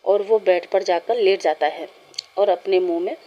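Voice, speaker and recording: A woman reading fan fiction aloud in steady storytelling narration. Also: mid-range voice, normal speed, muffled recording.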